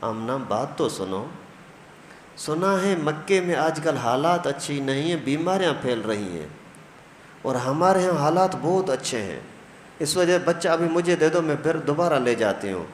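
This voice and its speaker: A man's voice: a little high, animated, lightly acted. A man voicing a protective foster mother who talks in a coaxing, persuasive way, in an echoey hall. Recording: echoey hall, faint noise.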